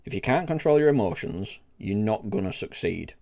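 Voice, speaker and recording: Vocal fry and big pitch swings mark this fairly low, mellow male voice at normal speed. He's a middle-aged, old-Yorkshire-accented host of trading tip videos, delivering an informal, blunt, plain-spoken monologue to camera and often asking "right?" or "okay?"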